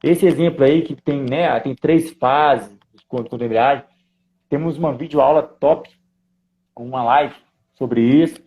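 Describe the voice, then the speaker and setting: A man with a Brazilian Portuguese accent, a driving instructor and co-host, chatting in an animated, jokey way during a live stream and reading out viewer comments. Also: medium pitch, measured pace, dull audio. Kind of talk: casual chat in a live stream.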